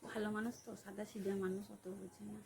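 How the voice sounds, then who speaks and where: A woman's voice: medium pitch, flat delivery, a little fast, gravelly, background noise. A young woman vlogging in a casual, coaxing way, often asking her viewers tag questions.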